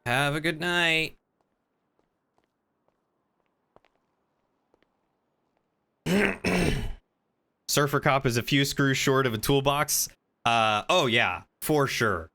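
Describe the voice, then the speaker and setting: A chill surfer-dude trooper, played by a man, with a bright, clean voice. He drawls in an unhurried, easygoing way, a little dim, improvising as a cop in an online game role-play. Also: medium pitch. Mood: laid-back.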